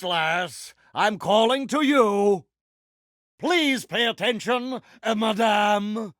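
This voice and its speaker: Vain, theatrical pirate captain, Captain Hook. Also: male voice, high voice, pushed and bright, no echo, studio quality, full character voice. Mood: indignant. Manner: pompous, theatrical, mock-genteel with pirate slang. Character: vain, pompous, villainous male pirate captain. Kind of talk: theatrical video game character lines.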